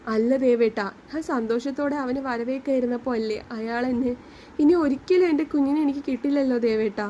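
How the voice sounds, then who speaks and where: A woman's voice: on the high side, fairly even intonation, a little fast, warm tone, lo-fi sound, slight background noise, natural voice. A woman voicing a young grieving wife who pleads through tears. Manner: tearful, pleading.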